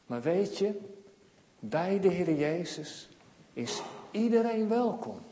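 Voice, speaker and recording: A man's voice: high-pitched, big pitch swings, slow, dark tone. A man giving a children's sermon in a church, telling the story with questions to the children and acting out the cries of the people in it. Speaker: preacher. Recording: echoey hall with long reverb.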